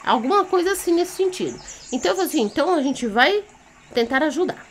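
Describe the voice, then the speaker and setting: With a high voice and a fast delivery, a Brazilian woman improvises a children's story, theatrical and lively, addressing her audience with frequent check-ins. Some slight background noise can be heard.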